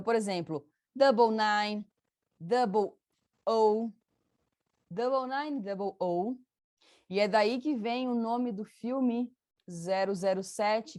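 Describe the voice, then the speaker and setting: A woman teacher from Brazil, explaining patiently in a chatty, informal way. Her voice sits at a middle pitch, recorded dry and close with no room sound. She keeps checking that her students follow and repeats each example. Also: a little mellow, no echo. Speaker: English teacher. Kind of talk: casual online lesson.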